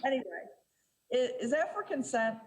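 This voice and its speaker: Chairing a city council meeting, a woman with a high, expressive voice talks in a measured way. Her speech is full of fillers and restarts.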